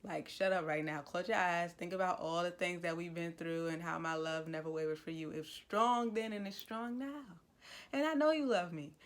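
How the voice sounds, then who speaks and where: A woman's voice: mid-range voice, close to an everyday voice. A woman doing a stubborn, devoted young man. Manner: coaxing, pleading, insistent. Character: young male lead, tender, bossy, stubbornly devoted. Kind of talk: acted-out quote in a casual review.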